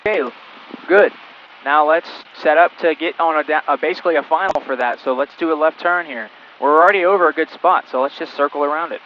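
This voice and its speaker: A male flight instructor on a cockpit headset intercom, calmly talking a student pilot through each step in flight. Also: on the high side, fast talker, dull audio. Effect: heard over a cockpit headset intercom. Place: small plane cockpit in flight.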